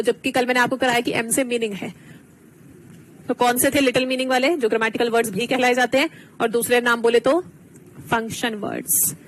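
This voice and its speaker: High-voiced woman teaching a class. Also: a bit bright, slight background noise, low-quality recording. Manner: explains slowly, mixes English terms, quizzes students. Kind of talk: online exam-prep lesson.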